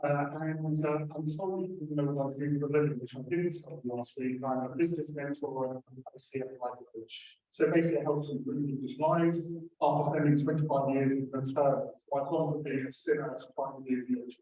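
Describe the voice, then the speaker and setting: A man's voice: on the high side, fairly even intonation, brisk, hardly any pauses, warm tone. Rambling man with a New Jersey accent. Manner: rambling, apologetic. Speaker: visiting guest and life coach. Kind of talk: casual self-introduction. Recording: echoey room, distant from mic.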